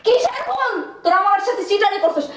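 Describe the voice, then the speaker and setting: A woman playing a furious young bride who has been deceived, scolding and shouting. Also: very high-pitched, animated, fast talker. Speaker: bride in a web drama. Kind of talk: short web drama acting. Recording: echoey room with clear noise.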